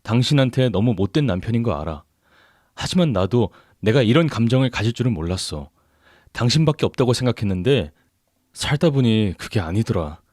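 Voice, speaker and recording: A man voicing a cheating husband who speaks low and sighs in a radio drama. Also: expressive, fairly quick, a little mellow, no room sound, clean studio sound, close to an everyday voice. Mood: weary. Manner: low, subdued, sighing.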